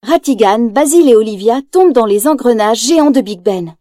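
High-voiced woman reading a storybook. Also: normal speed, noisy background. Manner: lively, acts out quotes in raised voice. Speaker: storybook narrator. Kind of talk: scripted storybook narration.

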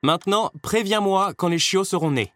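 A man's voice: high-pitched, expressive, normal speed, a bit bright, no room sound, pitched above the performer's own voice. A man voicing a glamorous, wicked woman who adores furs, in a gushing, theatrical storybook voice.

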